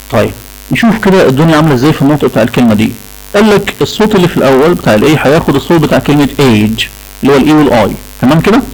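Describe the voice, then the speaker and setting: Egyptian man, English teacher, rapid delivery, mid pitch, faint music and hum behind. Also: a little mellow, poor audio. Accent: Egyptian Arabic. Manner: repeats key points and checks with the class. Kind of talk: classroom lecture.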